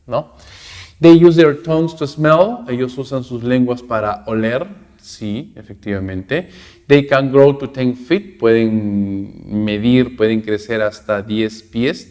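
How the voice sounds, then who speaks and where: A man's voice: fairly low pitch, gravelly, a little mellow, big-room sound. A man teaching an English class in Spanish, reading English sentences aloud and checking in with his students constantly. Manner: explains in Spanish, reads English aloud, keeps asking "¿no?". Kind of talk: recorded class lesson.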